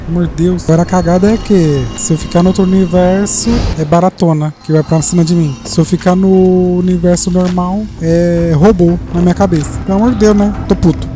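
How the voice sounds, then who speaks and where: A man giving excitable gameplay commentary, cursing at enemies as he plays. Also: high voice, brisk, hardly any pauses. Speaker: gaming streamer. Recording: voice over loud game music.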